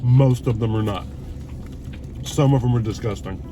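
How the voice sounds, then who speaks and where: A man's voice: medium pitch, normal speed, over music. Middle-aged man chatting casually, slightly distant mic. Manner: blunt, swearing, reflective. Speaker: YouTube vlogger. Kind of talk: casual, candid chat to camera and companion while eating.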